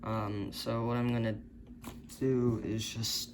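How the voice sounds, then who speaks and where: A hobbyist man builds circuits and thinks aloud as he tinkers, sounding hesitant and unsure and correcting himself often. His gravelly voice sits at medium pitch, with slow, flat delivery. The audio comes from a camera's built-in mic and is noisy.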